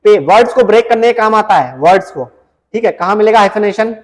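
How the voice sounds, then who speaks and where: A man teaching an exam-prep computer lesson, reading English questions slowly and explaining them in casual Hindi. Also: sits high. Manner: often adds "ठीक है" as a check-in.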